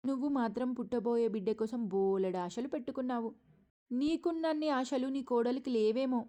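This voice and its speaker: A stern, bitter mother-in-law from a TV serial retelling, as a woman narrator puts her on, firing off nagging rhetorical questions in a raised voice. The tone stays mellow and dark rather than shrill. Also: moderate pace, natural voice. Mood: reproachful.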